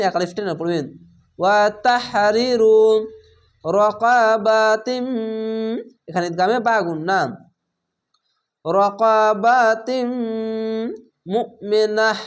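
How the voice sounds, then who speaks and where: A man teaching Quran reading. He draws out each Arabic word slowly and clearly, then explains the rules in quick, plain speech and repeats sounds patiently for his learners. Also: sits high. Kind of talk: Quran recitation lesson.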